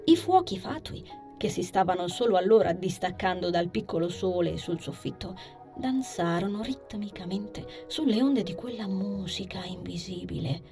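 A woman reads a fantasy novel aloud with an expressive, storyteller's delivery. Now and then she sinks her voice to a hushed whisper. Faint music runs quietly in the background. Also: fairly low pitch, moderate pace, gravelly. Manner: expressive reading that drops into soft whispers. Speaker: audiobook narrator. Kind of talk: scripted narration of a fantasy novel.

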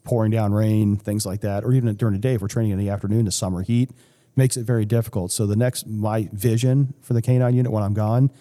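A man's voice: on the low side, fairly even intonation, fast talker, mellow, big-room sound. A man in his fifties, a police K-9 sergeant, chatting as a podcast guest and often restarting his sentences. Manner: rambling, with frequent restarts and self-corrections. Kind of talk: casual interview chat.

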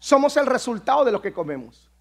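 A man with a strikingly high voice delivers a sermon as pastor. His preaching is emphatic and repetitive, and it swells into shouting at its peaks. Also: big pitch swings, fairly quick.

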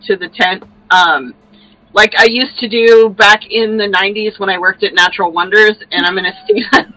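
A middle-aged woman playing a tabletop game, talking in an animated, rambling way full of fillers. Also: mid-range voice, moderate pace, poor audio. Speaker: player. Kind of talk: casual tabletop play.

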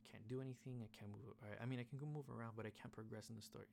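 A young man with a gravelly, fry-heavy voice rambles through a casual game review. He keeps padding his sentences with "like" and swears freely. His pitch sits in an ordinary middle range, and faint noise hums behind him. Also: fairly even intonation, racing, a little mellow. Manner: rambling, frequent "like" fillers and swearing. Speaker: podcast host.

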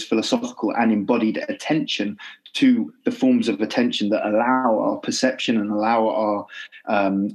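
A male poet in a podcast interview, speaking in a thoughtful, halting way with many restarts and fillers. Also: mid-range voice, a little mellow, low-quality recording. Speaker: poet guest.

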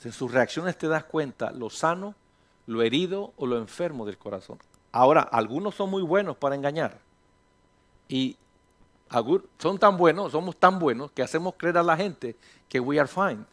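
A male pastor preaching a sermon in a lively storytelling manner, slipping English phrases into his talk and acting out little dialogues. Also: on the high side. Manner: mixes English phrases into Spanish, acts out dialogues; slows down to stress words, then speeds up.

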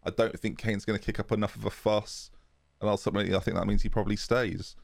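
A man's voice: on the low side, flat delivery, quick pace, vocal fry, no room sound, clean studio sound. A man co-hosting a casual football chat, talking in a chatty way with frequent restarts. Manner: chatty, restarts often with a laugh. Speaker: football podcast co-host.

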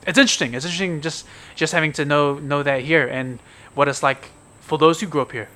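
Bright-voiced man with a broad Kiwi accent. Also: fairly high pitch, steady tone, fast. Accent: broad New Zealand (Kiwi). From New Zealand. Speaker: podcast co-host. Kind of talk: casual chat explaining slang.

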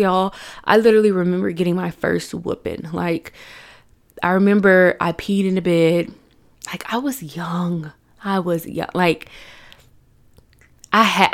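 A young woman talks straight to her viewers, open and unguarded. Her voice sits a little low, and she keeps it casual, calling her viewers y'all and laughing between lines. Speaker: vlogger. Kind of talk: personal storytelling to camera.

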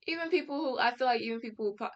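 A woman's voice: a little high, very fast, lo-fi sound. A young woman giving casual reaction commentary, rambling with many fillers, restarts and slang. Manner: outspoken, frequent casual slang. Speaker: commentary vlogger.

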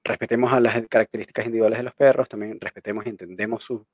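A man's voice: on the low side, steady tone, rapid-fire, darkish tone, no echo, studio quality. A man hosting a podcast, breaking in with emphatic, joking asides. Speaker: podcast host. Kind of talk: casual podcast interview.

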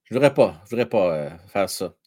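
A middle-aged man with a Québécois accent doing live fan commentary on a hockey game, shouting at plays and then dropping to a mutter while chatting with viewers. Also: fairly low pitch, expressive, a little fast, breathy edge. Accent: Québécois French.

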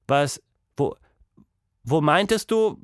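Male narrator as unsure young girl, raised pitch, dry close sound. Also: expressive, slow pace, dry recording. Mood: hesitant. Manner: hesitant, faltering.

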